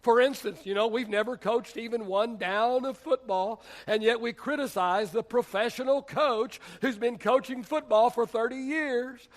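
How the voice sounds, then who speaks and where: A man, a pastor, preaching a sermon in a church in a conversational, humorous storytelling way. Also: very high voice. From United States.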